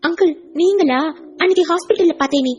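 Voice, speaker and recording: Speaking in a very high pitch at a brisk clip, a woman voices a stubborn, hurt little girl for an audiobook, sounding earnest, insistent and childlike. The recording is muffled.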